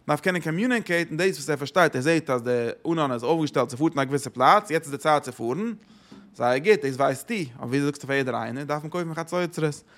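A Torah teacher gives a religious lesson, asking rhetorical questions and repeating his phrases. His voice is a little high and fairly bright, and he talks fast.

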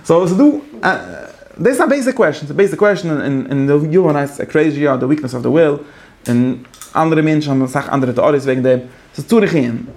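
A man giving a casual, animated lecture that switches between languages, with many halting restarts. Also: fairly high pitch. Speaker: teacher.

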